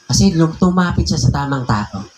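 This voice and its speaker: Animated Filipino pastor man preaching. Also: a little high, normal speed, faint music behind. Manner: conversational, animated, laughing storyteller. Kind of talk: sermon with personal story. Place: church hall.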